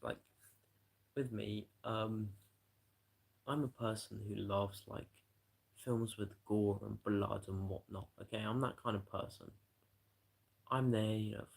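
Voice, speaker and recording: A man's voice: fairly low pitch, creaky, breathy edge, poor audio. A tired man rambling and swearing through a late-night live stream chat, yawning as he talks. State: exhausted. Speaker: livestreamer.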